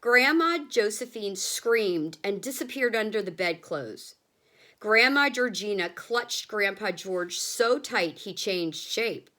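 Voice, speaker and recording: Slow, bright-voiced woman teacher. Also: medium pitch, lively intonation. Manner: gentle, explanatory, slow with pauses. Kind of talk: read-aloud lesson for children.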